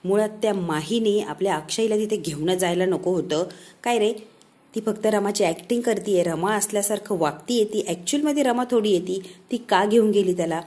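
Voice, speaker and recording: A woman's voice: medium pitch, brisk, a little mellow, natural voice. Woman voicing a scolding old grandmother. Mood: dismissive. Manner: scolding, brushes off the family's worry.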